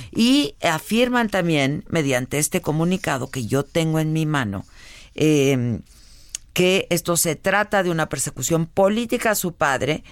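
A woman's voice: low voice, dry recording. A woman with a Mexican accent hosting a radio show, reading news and joking around in playful chat. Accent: Mexican Spanish.

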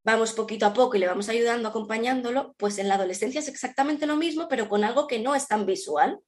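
A woman parenting coach, explaining calmly in conversation with the host. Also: on the high side, fast. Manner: explanatory, reassuring tag questions.

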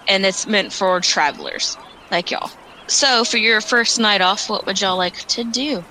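Woman narrating a tabletop game, crisp bright tone, casual, faint background noise. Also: mid-range voice, measured pace, rough recording. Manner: casual, loose narration with restarts. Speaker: game master.

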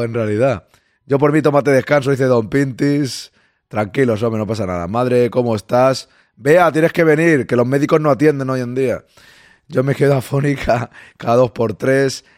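A man, hoarse and losing his voice, hosting a live-stream podcast and chatting casually, greeting listeners and reading their messages aloud. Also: mid-range voice, darkish tone, no echo, studio quality.

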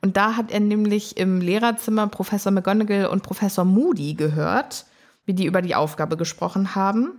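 A woman with a mid-pitched voice co-hosting a casual podcast. She retells a story lively and acts out lines as she goes. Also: fairly quick. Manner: animated retelling with acted-out quotes. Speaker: podcast co-host. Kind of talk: casual chat.

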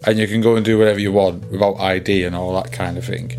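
A man's voice: sits low, fairly even intonation, fast, a little mellow, faint music behind. A thirty-year-old man, co-hosting a casual chat in a jokey way and often asking if you know what he means. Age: 30s. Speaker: podcast co-host.

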